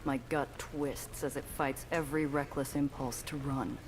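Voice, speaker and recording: An actor playing a cynical, world-weary noir detective who narrates his own case in a brooding, measured way for a video game. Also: medium pitch, a little hiss or hum, lightly acted. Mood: grim. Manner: hard-boiled, brooding, flatly measured.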